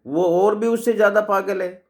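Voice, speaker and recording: A man's voice: high-pitched, steady tone, moderate pace, pitched above the performer's own voice, close to an everyday voice. A man voicing a male servant who complains with scorn about his master. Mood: scornful.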